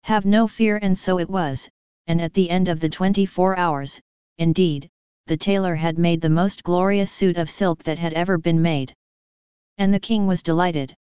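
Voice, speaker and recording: Smooth, resonant preacher telling a parable. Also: medium pitch, fairly even intonation, moderate pace, darkish tone, no room sound, muffled recording. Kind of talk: sermon with a told parable.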